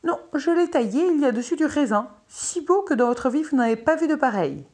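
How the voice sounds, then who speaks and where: A woman's voice: sits high, sing-song, a little fast, darkish tone, voice pushed up. Woman doing a cheeky young farmhand. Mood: confident.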